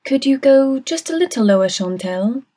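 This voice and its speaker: A woman's voice: high-pitched, animated, moderate pace, dark tone, breathy edge, voice pushed up. A woman voicing a wealthy female guest who speaks in a slightly shaky, persuasive way. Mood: coaxing.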